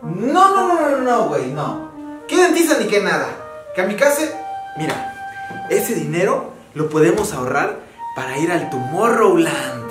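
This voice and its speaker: Man playing melodramatic young Mexican friend, scheming and coaxing, slightly high voice, roomy sound, music behind. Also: big pitch swings, measured pace. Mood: excited, urging. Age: young adult. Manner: theatrical, slangy, coaxing. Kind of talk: comedy web series sketch acting. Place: indoors in a bare, hard-walled house room.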